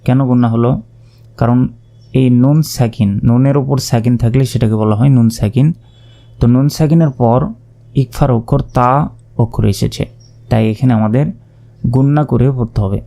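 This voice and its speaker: Male Quran reading teacher, gravelly and mellow, spells out letters, then chants slowly. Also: medium pitch, fairly even intonation. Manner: slow drawn-out chanted recitation between spoken explanations. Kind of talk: spelling out recitation step by step.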